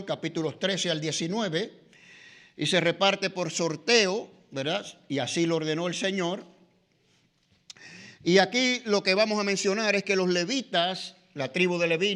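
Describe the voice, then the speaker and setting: A man's voice: high-pitched, fairly bright tone. A middle-aged man with a Latin American Spanish accent teaching a church discipleship class, conversational, often tagging lines with "¿verdad?" and "eh". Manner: conversational, frequent "¿verdad?" and "¿no?" tags, filler "eh". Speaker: Bible teacher.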